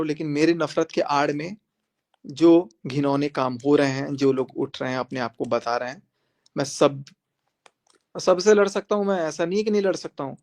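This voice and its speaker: This heated live-stream monologue comes from a young male social media creator who defiantly takes on his critics, repeating phrases to drive them home. His pitch is fairly high and his tone a little mellow.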